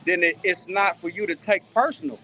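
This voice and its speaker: A man's voice: high voice, fairly even intonation, brisk, pushed and bright. A man earnestly laying out his view at length in a casual debate on a live call-in stream, calling in from a pool hall.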